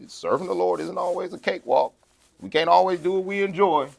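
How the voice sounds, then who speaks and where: A man preaching a sermon, conversational, shifting between quiet asides and loud, slow scripture reading. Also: high-pitched, creaky. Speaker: pastor.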